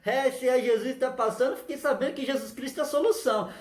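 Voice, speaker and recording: Guy doing a desperate blind beggar, high pleading voice, echoey room. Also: fast. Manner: pleading, urgent.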